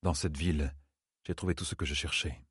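A man voicing a weary young hero who speaks in a quiet, distant, impersonal way, deep and husky. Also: fairly quick, dry recording, studio quality. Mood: detached. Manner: flat, detached, quiet.

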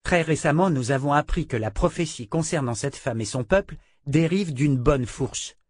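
A man reading an audiobook, voicing an excitable young male scholar who talks in eager bursts. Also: on the high side, normal speed, no room sound, clean studio sound. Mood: explaining. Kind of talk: audiobook character voice.

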